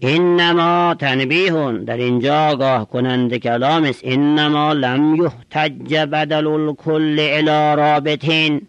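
A man teaching a traditional grammar lesson, reading short Arabic phrases and explaining each one in a measured, explanatory cadence. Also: on the high side, fairly even intonation, clean tone, no room sound, highs cut off.

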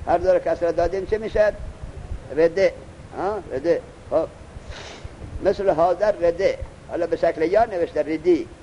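Man teaching a lesson with a faint rumble. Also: mellow, low-quality recording. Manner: explains, asks the student questions, reads the text slowly. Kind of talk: classroom lesson.

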